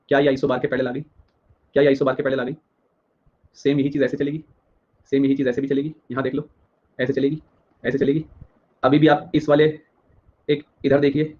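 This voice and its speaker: A young man with a mid-range voice runs a live exam-prep geography class, firing questions at students and addressing them directly. He drills each question and repeats the answers rapidly, several times over. The audio sounds dull.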